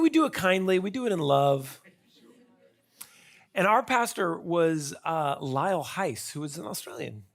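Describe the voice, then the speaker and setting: Male conference speaker, slightly high, gravelly voice; casual and chatty, full of rhetorical questions. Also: a bit bright. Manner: conversational, asks rhetorical questions; frequent fillers and restarts. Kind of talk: conference talk.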